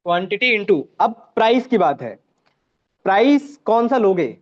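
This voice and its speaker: A man's voice: high-pitched, big pitch swings, measured pace, dull audio. A man teaching a live online class, walking students through each step and checking in with them as he goes.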